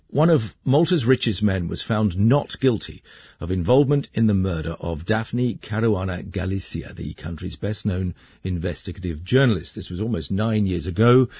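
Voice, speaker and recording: Low husky-voiced male radio host. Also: no echo, lo-fi sound. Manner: measured, conversational, with hesitations. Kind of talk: radio current affairs presenting.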